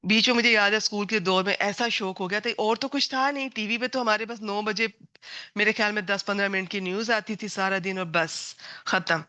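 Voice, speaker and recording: A woman's voice: medium pitch, fairly even intonation, sharp tone, dry recording. A middle-aged woman from Pakistan, a native Punjabi speaker, teaching a Quran grammar class in an earnest, digressive way, mixing in English words. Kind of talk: online class lecture.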